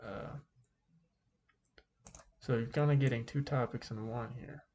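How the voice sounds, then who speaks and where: Slow, gravelly man talking through a face mask. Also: mid-range voice, steady tone, a little mellow, muffled recording. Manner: halting, thinking aloud. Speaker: math teacher. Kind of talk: informal calculus lesson.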